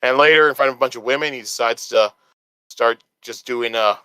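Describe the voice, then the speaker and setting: Bright, smooth-voiced man hosting a podcast. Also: mid-range voice, fairly quick, dry recording, rough recording. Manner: relaxed, hedging with "uh" and "like". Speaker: podcast co-host. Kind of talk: casual book-club chat.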